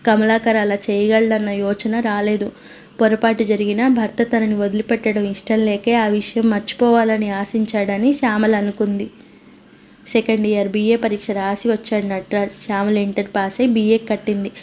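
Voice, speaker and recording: Flat, mellow woman reading a novel. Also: mid-range voice, moderate pace. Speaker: audiobook narrator. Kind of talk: scripted narration. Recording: dull lo-fi recording, faint hiss.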